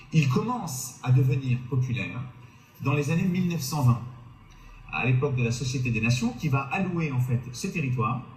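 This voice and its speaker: A man's voice: mid-range voice, a little mellow. Man explaining history in a roomy room. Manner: didactic, rhetorical questions, frequent hesitations. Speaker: history video presenter. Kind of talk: explanatory history narration to camera.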